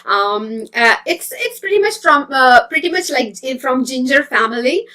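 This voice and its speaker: A woman hosts a casual live stream, her voice sitting a little above the usual range. She talks in a friendly, chatty way, pausing often with ums and uhs and restarting sentences. She greets viewers by name as she goes. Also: sits high, animated, pushed and bright. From India. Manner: chatty and hesitant, many fillers and restarts. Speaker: host of a healthy-eating live stream.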